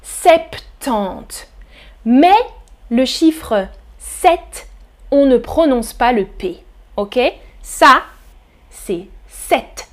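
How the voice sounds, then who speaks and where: A woman teaching pronunciation in a live-stream lesson, saying words slowly and clearly, repeating drills and greeting viewers in the chat. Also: high-pitched, animated. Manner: slow, deliberate pronunciation drills with repeated examples. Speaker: French teacher.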